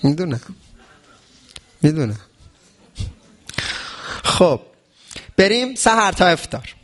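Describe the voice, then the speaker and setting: A man giving a traditional medicine lesson on fasting, asking questions in the listener's voice and answering them himself. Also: high voice, sing-song. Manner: asks and answers his own questions. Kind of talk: religious health lesson.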